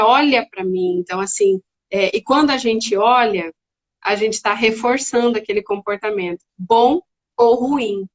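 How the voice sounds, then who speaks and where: Brief: middle-aged Brazilian psychiatrist woman, animated, lively explainer, slightly high voice. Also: poor audio. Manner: animated, acts out children's voices. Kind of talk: casual educational chat.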